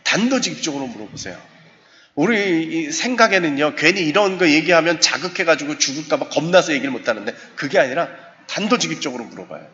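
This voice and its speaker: A man, a professor, giving a lively seminar talk in a church, acting out little exchanges with his listeners. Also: fairly high pitch, fast talker. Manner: animated, acts out short dialogues with the audience. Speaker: professor lecturing on suicide prevention. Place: church sanctuary. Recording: muffled recording, long church reverb, faint hiss.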